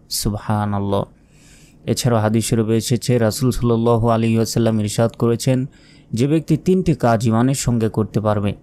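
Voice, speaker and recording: A man with a Bangladeshi Bengali accent teaching Quran recitation, calmly and patiently repeating each word. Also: fairly low pitch. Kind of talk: religious lesson with slow recitation.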